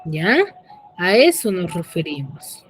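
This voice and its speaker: A woman's voice: on the low side, big pitch swings, takes it slowly, background noise. A woman teacher giving an online lesson, who keeps asking her students questions and checks their understanding with short prompts. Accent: Peruvian Spanish.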